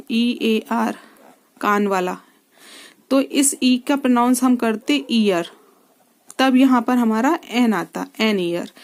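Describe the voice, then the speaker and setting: A woman's voice: a little high, darkish tone. A woman English teacher explaining grammar rules step by step, asking her students questions as she writes on a board. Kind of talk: classroom grammar lesson.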